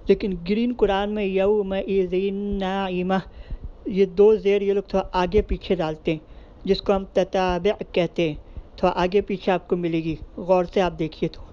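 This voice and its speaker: A man teaching Quran reading, patiently explaining differences step by step and slowly drawing out the example words he recites. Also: high-pitched, mellow. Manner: patient step-by-step explaining, addressing viewers directly. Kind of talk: explanatory tajweed lesson. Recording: dull lo-fi recording with faint noise.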